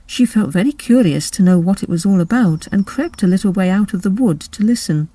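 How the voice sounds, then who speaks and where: Mellow, dry-sounding woman narrating a story. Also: medium pitch, lively intonation, brisk, dry recording, rough recording. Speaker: story reader. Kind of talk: scripted audiobook narration.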